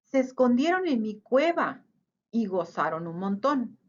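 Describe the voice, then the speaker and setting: A big storybook bear, put on by a woman reading aloud, sulky and whimpering, with a whiny voice that climbs high. The sound is a touch dull and lo-fi. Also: very animated, measured pace. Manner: whiny, sobbing.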